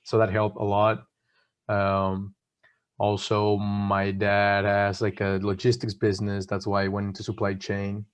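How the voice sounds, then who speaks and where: A man's voice: on the low side, monotone, a little slow, smooth. A young man in his twenties from Mexico, answering eagerly and casually as a guest on a webinar panel over a video call. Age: 20s. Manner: eager, self-described hyperactive, casual talk. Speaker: guest consultant. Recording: dull lo-fi video call audio.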